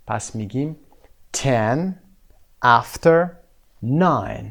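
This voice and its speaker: Persian-accented man teaching English slowly. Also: medium pitch. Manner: reads English examples slowly and repeats them, then explains quickly. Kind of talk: textbook lesson walkthrough.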